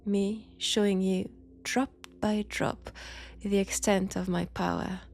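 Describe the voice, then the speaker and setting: Taking her time, a French-accented woman voices a threatening, seductive vampire in an intimate audio roleplay, often whispering soft taunts with a dominant edge. Her medium pitch barely moves and carries vocal fry.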